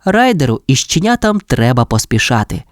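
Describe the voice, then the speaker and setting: A storyteller reading a children's audio fairy tale in an expressive, lively way. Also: mid-range voice, moderate pace, dry recording, studio quality.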